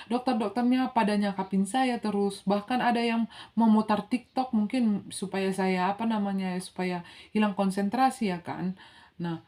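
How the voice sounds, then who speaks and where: Young mother, casual vlogger, mid-pitched voice, lively storyteller who acts out the dialogue. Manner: chatty, acts out quoted dialogue with pitch jumps. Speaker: mother sharing a birth story.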